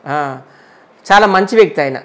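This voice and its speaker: A man from Andhra Pradesh, an entertainer, chatting casually in an interview and giving blunt, quick one-line verdicts. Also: high-pitched, expressive, pushed and bright.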